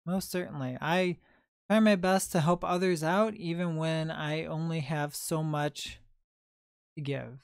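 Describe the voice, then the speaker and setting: A man in his late twenties hosts a relaxed livestream, talking easily and answering viewer comments one after another. His voice is smooth and clear. The sound is dry and close, with no room echo. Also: on the high side, unhurried. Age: 20s. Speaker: livestream host and reseller. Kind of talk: casual livestream chat.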